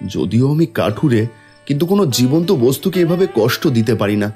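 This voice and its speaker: A man's voice: mid-range voice, sing-song, fairly quick, dark tone, soft background music. A man playing a kind, anxious, determined woodcutter father, earnest and a little hesitant, in a fairy-tale cartoon.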